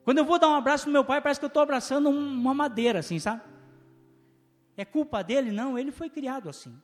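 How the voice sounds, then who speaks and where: High-voiced Brazilian pastor preaching in a hall. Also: male voice, fast talker, faint music behind. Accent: Brazilian Portuguese. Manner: animated preaching with rhetorical questions and call-and-response. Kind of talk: sermon. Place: church hall.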